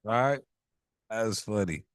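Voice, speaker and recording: Joking male co-host with lively pitch. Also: unhurried, clean tone, no room sound, studio quality. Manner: joking, brief interjections. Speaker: radio co-host. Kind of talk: joking radio banter.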